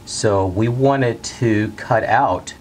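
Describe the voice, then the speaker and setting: A middle-aged man teaching a technical lesson at a whiteboard in a studio, talking plainly and steadily and repeating the key steps slowly. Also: on the low side, darkish tone, a little hiss or hum. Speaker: HVAC instructor. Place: bright indoor studio at a whiteboard.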